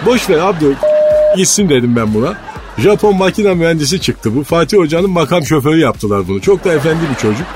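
Male actor as boastful hot-headed club president, rambling, slightly high voice. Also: animated, fast, music in the background, close to an everyday voice. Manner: rambling boastful storytelling, ranting insults. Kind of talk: radio comedy sketch.

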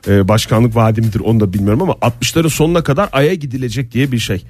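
A man's voice: medium pitch, quick pace, darkish tone, breathy edge, no echo, soft background music. A man co-hosting a casual conversation, inquisitive and conversational in the way he talks. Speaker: talk show co-host.

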